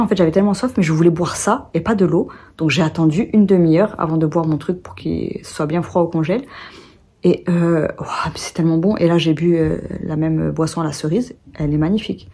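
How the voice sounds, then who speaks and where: A woman's voice: on the low side, warm tone, breathy edge. A young French woman vlogging in casual chat, rambling with many fillers and restarts, sleepy.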